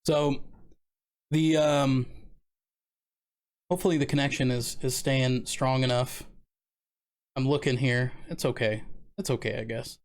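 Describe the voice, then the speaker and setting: A man in his thirties hosts a casual live-stream chat at an ordinary mid-range pitch. He rambles in a relaxed way, full of fillers and restarts. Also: unhurried, pauses often. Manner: rambling, laid-back, many fillers and restarts. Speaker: streamer host.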